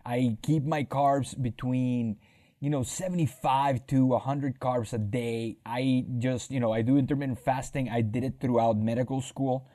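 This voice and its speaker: A young adult man hosting a casual interview, talking in a relaxed, conversational way. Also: medium pitch, normal speed. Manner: relaxed, conversational, repeats words. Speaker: podcast host.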